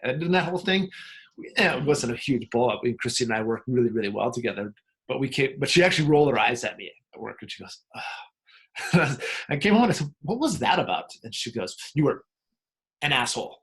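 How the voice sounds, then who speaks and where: A man's voice: medium pitch, sing-song, fast. A man, a coach and co-host, talking candidly in casual conversation, often laughing.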